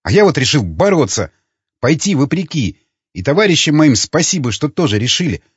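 Impassioned young male rebel, husky, accusing, voiced by a male reader; dry lo-fi sound. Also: a little high, very animated, brisk, dry recording, exaggerated voice. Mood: defiant. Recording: dull lo-fi recording.

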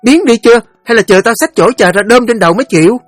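Brief: male narrator putting on a screeching, cursing village girl, pitched very high, dry studio sound. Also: expressive, dry recording, faint music behind. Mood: furious. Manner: screeching, cursing, fast threats. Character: foul-mouthed shrill teenage village girl.

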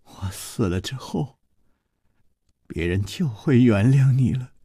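A despairing young woman, as a male storyteller puts her on, pleads through tears in a breathy, half-whispered voice. The sound is husky and dry, close to the mic as in a radio storybook. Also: medium pitch, expressive, takes it slowly, mellow, no echo, heavily acted. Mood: desperate.

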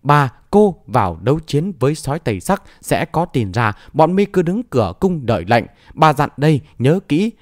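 A man reading aloud puts on a shrill old owl queen who shrieks and sneers at everyone around her. The storybook crone swings her pitch high and wide, and the voice sits close and dry with no room around it. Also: very animated, normal speed, few pauses, no room sound. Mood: commanding. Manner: shrieking and scornful.

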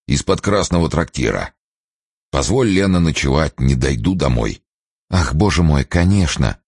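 A man narrating a classic novel as an audiobook, reading in an expressive, literary way. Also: very deep voice, dry recording, clean studio sound.

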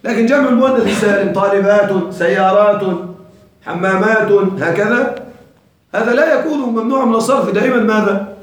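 A man's voice: high-pitched, a little fast. A man teaching a classroom grammar lesson, quizzing his students and repeating their answers. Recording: very echoey room, voice from far off.

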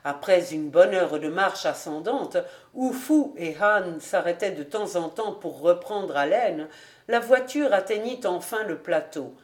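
A woman reading a classic novel aloud as an audiobook narrator, steady and clear. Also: on the low side, a little slow. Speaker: audiobook reader.

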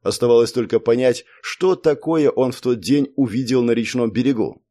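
A man reads a crime novel aloud in a steady, measured way. His voice sits at a middle pitch with a dark, mellow tone, unhurried and even throughout the narration. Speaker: audiobook narrator. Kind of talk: scripted narration.

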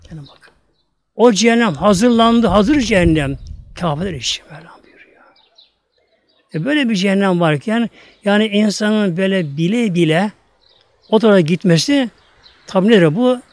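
A man preaching a sermon to his congregation, emphatic, telling stories and drawing out Arabic verses slowly. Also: high voice, animated. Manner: addresses congregation repeatedly. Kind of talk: sermon with storytelling.

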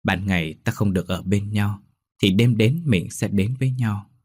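Man doing a tender ghostly young husband, reassuring, low husky voice, dry sound. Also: moderate pace, a little mellow, no room sound. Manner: soothing, reassuring.

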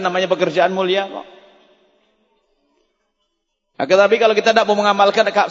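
A man preaching a sermon to a gathering in a lively, conversational way, addressing the audience directly and acting out mock prayers. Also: high voice. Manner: animated, acts out mock prayers and quoted voices. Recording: dull lo-fi recording with long hall reverb.

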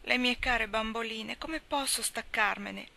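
A woman's voice: fairly high pitch, measured pace, gravelly, sharp tone, slight background noise, pitched above the performer's own voice, heavily acted. A woman voicing a self-important little girl who mothers her dolls in a storybook reading, speaking in a pleading way.

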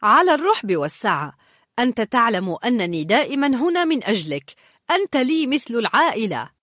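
Friendly reassuring young man, good-humored, voice with lively swings, dry close sound, storybook reading, as a woman puts him on. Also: fairly high pitch, fast, no echo.

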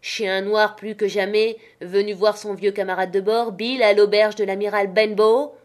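A woman's voice: medium pitch, moderate pace, lightly acted. A woman voicing a sly, menacing old male sailor who speaks with false friendliness. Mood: sly, coaxing.

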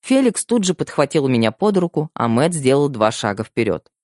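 A man narrating a novel in an expressive storytelling manner. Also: mid-range voice, moderate pace, no room sound, studio quality. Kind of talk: audiobook narration.

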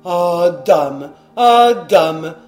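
A man voicing a clumsy, devoted rustic manservant who talks in loud exclamations and peasant oaths. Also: a little high, expressive, normal speed, soft background music, pitched below the performer's own voice, close to an everyday voice. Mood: scornful. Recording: roomy echo.

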